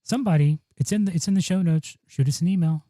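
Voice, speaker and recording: A male podcast co-host rambles through casual chat on a studio dynamic mic, full of ums and restarts. His voice is a little high and warm, he talks fast, and there's no room sound.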